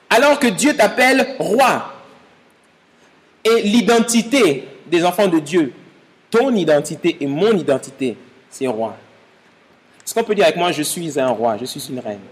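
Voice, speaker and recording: A man's voice: sits high, long reverb tail. A man from Gabon preaching a sermon as pastor, speaking straight to his listeners with rising emphasis.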